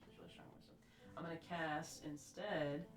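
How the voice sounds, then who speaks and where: Low-voiced woman calling out rolls. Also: fairly even intonation, moderate pace, far from the mic. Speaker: player. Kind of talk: tabletop game play. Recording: roomy, off-mic, music behind.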